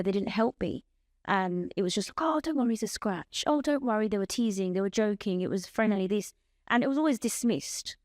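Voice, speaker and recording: Speaking in a mid-range voice with a darkish tone, a Bangladeshi-born woman in her thirties, Bengali her native language, shares personal testimony as a podcast guest. She's measured and earnest, laying out her story in long lists, and the clean studio recording has no room sound.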